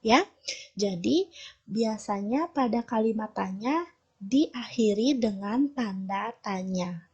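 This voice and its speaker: Slow, patient Balinese woman teaching children. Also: medium pitch, lively intonation, a little mellow, slightly rough. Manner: slow, patient explaining to children, shifting between Balinese and Indonesian. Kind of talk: recorded language lesson for children. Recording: dull lo-fi recording.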